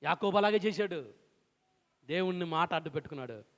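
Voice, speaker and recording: A man's voice: fairly high pitch, lively intonation, a little fast, in a large hall. A man preaching a sermon, retelling a scripture story with acted voices and rhetorical questions. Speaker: pastor.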